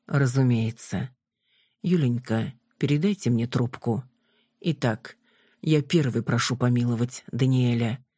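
A reader voicing a polite, formal male vampire, speaking slowly and with measured courtesy in a husky voice. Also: medium pitch, warm tone, no room sound, clean studio sound, pitched below the performer's own voice. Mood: courteous.

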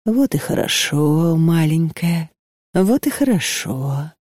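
A wiry old grandmother, as a storyteller voices her, talking in a mild, soothing way. Her words come slow and low, quiet and close. A dry audiobook recording. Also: expressive, no echo. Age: older. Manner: soft soothing tone.

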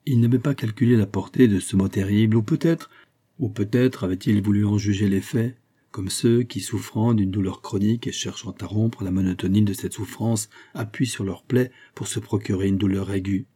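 A man narrating a classic novel as an audiobook in a measured, even way. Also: fairly low pitch, husky.

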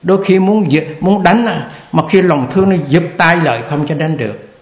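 A man's voice: a little high, moderate pace. An older man giving a conversational, repetitive dharma talk as meditation teacher. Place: meditation hall. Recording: echoey hall recording.

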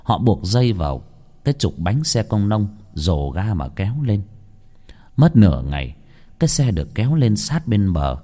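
A man narrating a ghost story in a dramatic, expressive storytelling manner. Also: lowish voice, normal speed.

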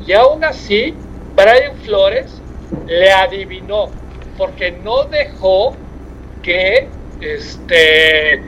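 En una charla deportiva hecha desde un auto en movimiento, un comentarista con acento mexicano habla por celular con voz masculina aguda, animada y un poco brillante. Tiene un ritmo pausado y vacilante, con abundantes muletillas, y la línea llega crujiente, entrecortada y con ruido tenue.

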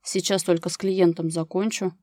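A gruff, practical grown man from an audiobook, voiced by the woman reading it, talking in short, bossy, businesslike bursts. His tone is blunt and no-nonsense. It sounds close and dry, with no room sound. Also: lowish voice, flat delivery, normal speed, warm tone, no echo, natural voice.

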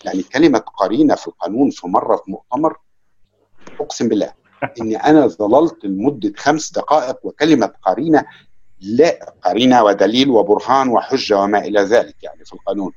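A man with an Egyptian accent speaks about his work as an interpreter in an unhurried, reflective way, pausing on fillers. His voice is husky, and the recording sounds dull and lo-fi. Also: lowish voice, darkish tone. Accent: Egyptian Arabic. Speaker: conference interpreter giving a talk. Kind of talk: lecture and casual Q&A.

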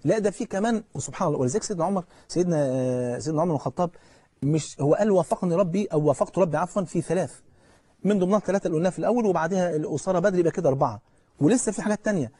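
A man with an Egyptian accent giving a colloquial religious lecture as a preacher, telling stories with animation, asking his listeners questions, and reciting scripture slowly and solemnly. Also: high voice, dark tone, slightly rough, no room sound.

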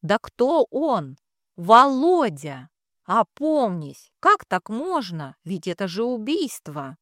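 A woman voicing a quiet, grieving young woman in an audiobook, speaking softly. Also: mid-range voice, big pitch swings, slow pace, dry recording, studio quality. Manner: quiet, subdued.

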